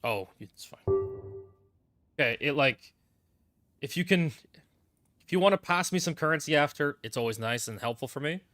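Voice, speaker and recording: A man's voice: on the high side, moderate pace, long pauses, a bit bright, faint music behind. A man with a congested, stuffy nose giving casual live commentary while streaming a game.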